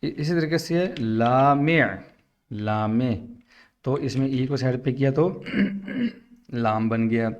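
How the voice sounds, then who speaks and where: A man's voice: medium pitch, animated, lo-fi sound. A man teaching how to teach the Quran. He talks to other teachers, sometimes speaks to a pupil, and draws out syllables while spelling letters patiently. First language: Urdu. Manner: explains patiently, drawn-out syllables when spelling. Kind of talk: instructional talk to teachers.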